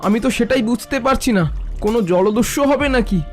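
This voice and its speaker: Man doing a very high, brash boatman. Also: fast talker. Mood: alarmed. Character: big boat's crewman, wary and brash. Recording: faint music underneath.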